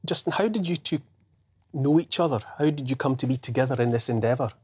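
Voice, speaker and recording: A man presenting a broadcast interview in a polished, measured way. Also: mid-range voice, darkish tone, husky.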